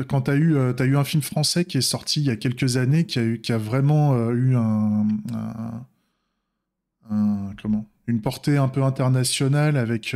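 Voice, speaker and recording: A man's voice: mid-range voice, a little mellow. A man from France chatting casually on a devlog, rambling, with frequent restarts and fillers. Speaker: indie game developer.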